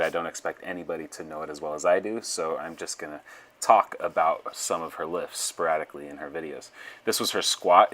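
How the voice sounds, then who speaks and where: A man speaking in a monotone voice-over, explaining a lifter's form as her strength coach. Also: deep voice. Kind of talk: voiceover commentary.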